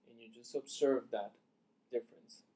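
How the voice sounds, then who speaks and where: In a mid-range voice, a man acts as a meditation teacher, offering calm guidance in a soft, deliberate way. His instructions come in short phrases broken up by long pauses.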